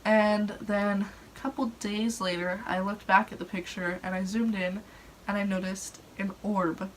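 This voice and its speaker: A young adult woman speaks a little slowly in a level, medium-pitched voice, hosting casual storytelling about her experiences. She rambles chattily and uses "like" a great deal. The low-quality recording was made on a phone propped on a dresser and has clear background noise.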